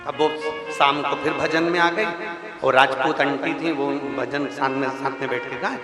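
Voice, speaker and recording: A man's voice: medium pitch, normal speed. A man preaching a devotional sermon, telling anecdotes and acting out the voices of the people in them, laughing often. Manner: animated, acts out quoted villagers, laughs often. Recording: echoey hall with long reverb and music. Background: music.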